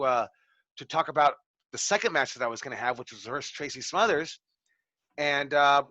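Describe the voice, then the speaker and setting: A middle-aged man, a pro wrestling trainer, telling ring stories in an animated, swearing way as a lesson. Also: on the high side, dry recording. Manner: animated, swearing, acts out quotes. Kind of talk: casual storytelling lesson. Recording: dull lo-fi sound.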